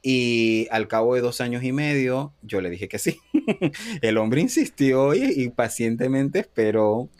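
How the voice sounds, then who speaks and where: A man's voice: mid-range voice, a little slow. Chatty man telling his love story. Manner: animated, acts out quoted dialogue, laughs often. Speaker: interview guest. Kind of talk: casual storytelling interview.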